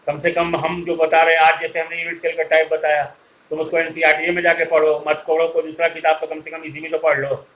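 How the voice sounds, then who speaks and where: Guy teaching online, fairly high voice, scolds his students a lot. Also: bright, forceful tone, low-quality recording. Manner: scolding, lecturing students directly.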